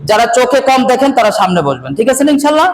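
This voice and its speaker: Male Quran reading teacher, very high voice, quizzes and drills the class; echoey, noisy room. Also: big pitch swings, racing, a crowd in the background. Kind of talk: classroom lesson. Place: classroom with a board. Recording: echoey room, loud background noise.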